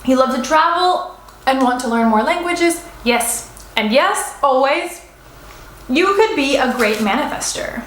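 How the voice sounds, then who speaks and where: Her voice is high-pitched and fairly bright, with lively intonation and an unhurried pace, though the room is echoey. This young American woman in her twenties is filming a casual mukbang chat at a restaurant, addressing viewer assumptions in a rambling way full of fillers and restarts.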